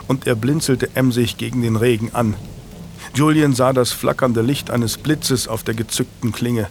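A man reading a historical novel aloud as narrator, in a steady, measured storytelling manner. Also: medium pitch, slight background noise. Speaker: audiobook narrator.

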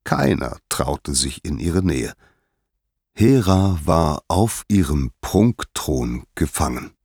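Deep, husky storybook narrator, man. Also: slow pace, no room sound, clean studio sound. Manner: expressive, dramatic storytelling.

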